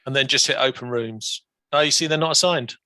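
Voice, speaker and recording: A man in an online meeting, direct and matter-of-fact, giving quick instructions. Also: mid-range voice, pushed and bright, no echo. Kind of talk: casual chat.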